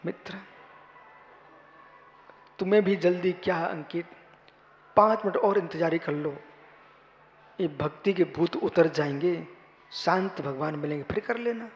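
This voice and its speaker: High-voiced monk preaching in an echoing hall. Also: male voice, measured pace, pauses often. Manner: repeats phrases, swelling to loud emphatic exhortation. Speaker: Jain monk. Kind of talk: sermon. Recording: reverberant hall.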